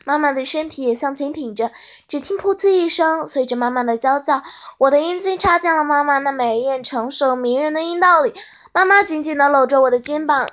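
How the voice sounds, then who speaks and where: A woman narrating a story aloud at a steady pace, with small slips and restarts. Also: sits high.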